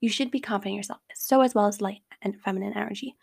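A woman's voice: mid-range voice, fairly even intonation, very fast, gravelly, breathy edge. A woman hosting a casual advice talk, speaking in a chatty way with lots of fillers like "like.". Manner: acts out quoted remarks in a brighter voice. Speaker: host giving advice.

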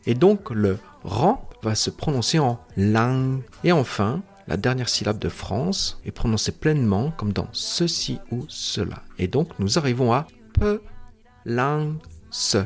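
Lively-voiced man teaching a language lesson. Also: medium pitch, creaky, soft background music. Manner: patient, explanatory, spells out sounds slowly.

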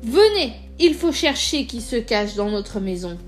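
A woman voicing a big papa bear with a loud, grumbling voice in a storybook reading. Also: big pitch swings, unhurried, faint music behind. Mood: gruff. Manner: booming, grumbling.

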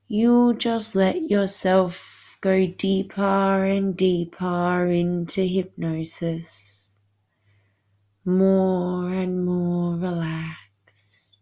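A woman guiding a hypnosis session, speaking softly and soothingly, at times drifting into a whisper. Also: medium pitch. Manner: slow, soothing, hypnotic delivery.

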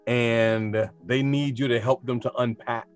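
Animated man teacher, casual and talky. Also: mid-range voice, measured pace, clean tone, faint music behind. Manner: animated, talky, reflective with colloquial asides. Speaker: teacher of high school students. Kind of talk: casual interview conversation.

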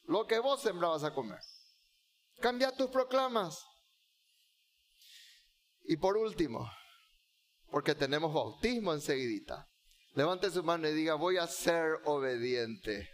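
High-voiced fervent preaching pastor. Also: male voice, lively intonation, measured pace, pauses often. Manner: fervent preaching, repeats key phrases, has the congregation repeat lines. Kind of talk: sermon.

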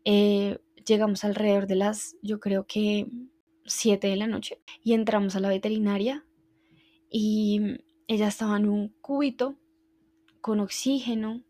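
Flat-voiced woman telling a story. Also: mid-range voice. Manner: reflective, heartfelt, halting recounting. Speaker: podcast host. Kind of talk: personal storytelling monologue.

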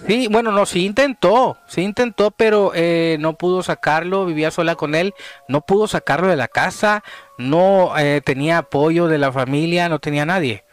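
Animated Mexican man telling a story. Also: on the high side, moderate pace, clean tone. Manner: animated, drops to hushed tones at tense moments. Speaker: podcast guest telling a story. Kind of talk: casual storytelling.

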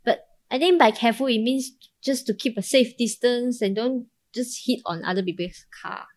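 A woman's voice: a little high, normal speed. A woman with a Singaporean accent in a casual, playful chat, using colloquial Singlish and its sentence particles.

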